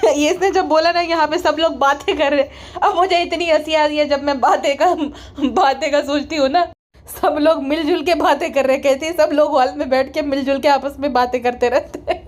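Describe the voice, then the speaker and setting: A woman's voice: high-pitched, steady tone. A woman giving sarcastic, mocking roast commentary and scolding the people she talks about. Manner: mocking, scolding, rapid-fire. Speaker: roast vlogger.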